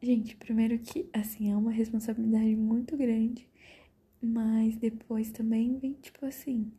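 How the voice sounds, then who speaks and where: Very husky, dark-toned Brazilian girl. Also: on the high side, flat delivery, a little slow. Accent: Brazilian Portuguese. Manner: breathy, drifting into half-whispers, fillers like "tipo" and "mano". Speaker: podcast host. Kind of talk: casual personal storytelling.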